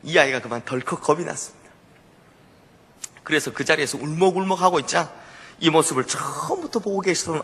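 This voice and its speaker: A man's voice: medium pitch, a bit bright, husky, long reverb tail. A male pastor preaching a sermon, telling a story with animation and putting questions to the congregation. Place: church sanctuary.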